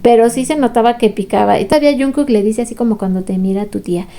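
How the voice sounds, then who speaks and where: A woman talks through a show recap in a relaxed, chatty way. Her voice sits fairly high but sounds warm and mellow, never sharp. She keeps a playful, gossipy tone and slips in little acted-out quotes. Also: quick pace. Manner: chatty and playful, voicing quoted lines, laughing often. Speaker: fan recap commentator. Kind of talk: casual recap commentary.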